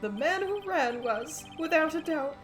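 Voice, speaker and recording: A woman voicing a nervous old British man testifying in a video game, with halting, formal delivery. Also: high-pitched, expressive, faint music behind, voice pushed up. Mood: nervous, earnest.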